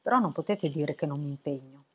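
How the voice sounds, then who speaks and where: A woman's voice: deep voice, expressive, a little fast, husky. A woman voicing an eighteen-year-old young man, joking and blunt, in an offhand, teasing manner, for a storybook reading. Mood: earnest. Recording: lo-fi web radio audio.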